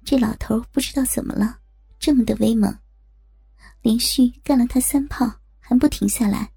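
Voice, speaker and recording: Female audiobook narrator, soft and husky with some fry, music behind. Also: fairly high pitch, moderate pace. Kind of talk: scripted story narration.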